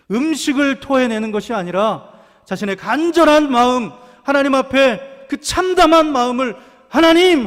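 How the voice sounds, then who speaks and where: Impassioned pastor, high voice, church echo. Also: male voice. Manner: impassioned, swings from hushed to shouted cries. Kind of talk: sermon. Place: church sanctuary. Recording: long church reverb.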